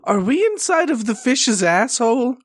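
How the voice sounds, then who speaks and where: A male tabletop player with a high voice and a dry, close sound. He improvises playfully, stammering through mock-polite questions and remarks. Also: big pitch swings, moderate pace, no echo. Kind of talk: playful improvised role-play chat.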